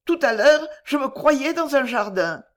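A woman voicing a distraught, fragile young woman in a classic novel reading, speaking high, breathless and pleading. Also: expressive, measured pace. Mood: despairing. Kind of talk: audiobook character reading.

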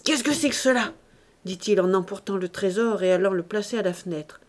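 A woman's voice: mid-range voice, a little fast, natural voice. A woman reading an audiobook voices an old miserly winegrower who blusters and wheedles. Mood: greedy excited. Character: old miserly male winegrower, gruff and scheming.

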